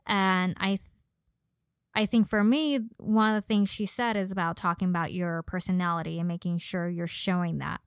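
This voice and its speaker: Her fairly low, steady voice moves at a moderate pace with a clean tone, on a dry, studio-quality recording. She's a young adult model and personal trainer, born in Mexico and based in Los Angeles, talking in a slight Valley girl Californian accent during a casual conversational podcast interview.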